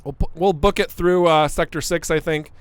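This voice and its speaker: A man's voice: fairly high pitch, steady tone, normal speed, clear, resonant tone, no room sound. A young man, a game developer, giving playful live-stream commentary while playing, chatting with viewers and laughing often.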